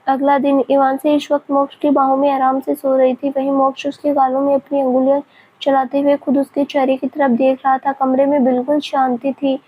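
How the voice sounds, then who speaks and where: A woman narrating a romance story in a steady, even reading. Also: high-pitched, fairly quick, narrow, tinny audio, a little hiss or hum.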